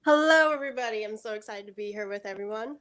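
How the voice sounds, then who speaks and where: A woman's voice: fairly high pitch, fast, fairly bright tone. A woman guest on a roundtable show, a podcaster talking casually about herself, friendly and loose.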